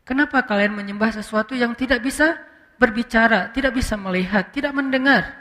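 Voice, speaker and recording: A gentle, soft-spoken prophet, as a male preacher puts him on, calls out to a crowd in calm, measured words. His voice is bright and quietly firm. The long reverb of a large hall trails behind it. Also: very high voice. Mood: calm appeal.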